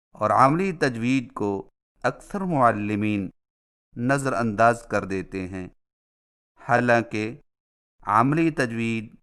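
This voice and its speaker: A man narrates a formal religious lesson in measured, carefully paced phrases. His voice is smooth and resonant, sitting at an ordinary middle pitch. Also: fairly bright tone. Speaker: religious instructor.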